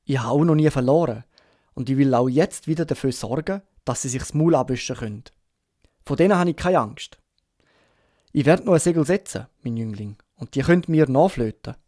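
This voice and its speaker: A man playing a gruff, ailing old sea captain. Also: mid-range voice, lively intonation, normal speed, warm tone, dry recording, clean studio sound, lightly acted. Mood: defiant, gruff. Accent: Swiss German. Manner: rough sailor talk, urgent and pleading. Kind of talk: audiobook character reading.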